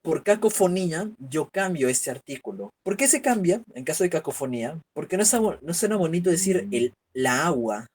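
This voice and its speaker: A man's voice: high voice, lively intonation, a little fast, few pauses, darkish tone, husky. A man teaching an online grammar class, working through examples and asking rhetorical questions. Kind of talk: virtual class lecture. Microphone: computer mic on video call.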